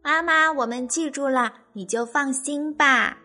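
Storybook goat kids, squeaky and shouty, done by a woman, very high. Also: a little slow, faint music behind. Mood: reassuring. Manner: loud, high, childlike.

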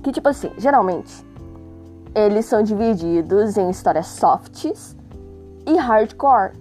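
A woman's voice: mid-range voice, animated, unhurried, warm tone. A young adult woman with a Brazilian accent and a sore, worn throat, narrating casually in a chatty, joking, self-deprecating way with exasperated asides. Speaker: host reading a magazine aloud. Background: music.

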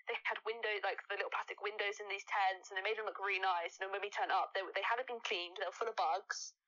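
A woman's voice: medium pitch, fairly even intonation, quick pace, bright, forceful tone, dull audio. A young woman, a podcast guest, talking in a blunt, matter-of-fact casual chat full of fillers.

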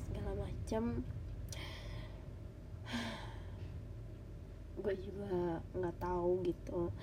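A woman hosting a podcast as a casual, halting monologue, with a congested, nasal voice like a blocked nose. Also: medium pitch, fairly even intonation, background noise. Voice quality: congested, stuffy-nosed nasal voice. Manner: informal, halting, with audible sighs. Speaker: podcast host.

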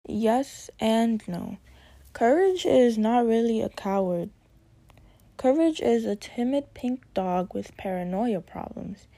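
Hosting a casual talk, this young woman vividly and chattily describes her fears and a cartoon. Her voice is fairly high, expressive, and warm, and she takes her time.

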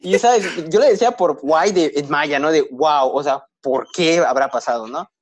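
Podcast guest: young man, Yucatecan accent, animated anecdotes, voice sits a bit high. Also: moderate pace, dry recording. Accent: Yucatecan Spanish. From Yucatán, Mexico. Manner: animated storyteller, acts out quoted voices. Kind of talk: casual chat.

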